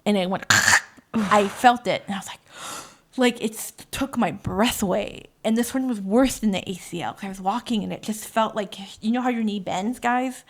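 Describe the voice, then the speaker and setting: A woman co-hosting a podcast, telling a story in casual, animated chat, swearing often and acting out voices when she quotes. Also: mid-range voice, moderate pace, creaky, slight background noise. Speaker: podcast co-host.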